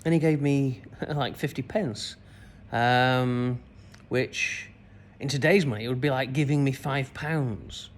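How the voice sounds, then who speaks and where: A man's voice: mid-range voice, fairly even intonation, slow pace. A man, a spiritual coach, recounting a childhood memory in a loose, rambling way full of fillers. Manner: rambling, many fillers and restarts. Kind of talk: personal story told to camera.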